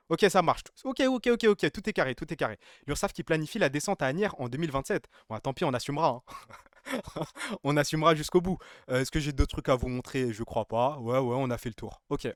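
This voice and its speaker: A man's voice: on the high side, dry recording. Young man streaming, dry close sound. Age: 20s. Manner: rambling and joking, lots of laughing and exclaiming. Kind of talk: casual live-stream chat with viewers.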